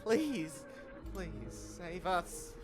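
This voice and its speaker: A man voicing small, cowering, twisted game creatures who plead in high, strained voices. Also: big pitch swings, drawn-out words, over music, exaggerated voice.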